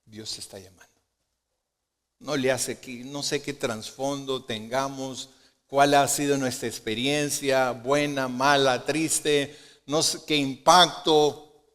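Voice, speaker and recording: A man preaching a sermon as pastor, asking rhetorical questions and moving between soft low asides and loud emphatic lines. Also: fairly even intonation, takes it slowly. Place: church sanctuary. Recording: long hall reverb of a church sanctuary.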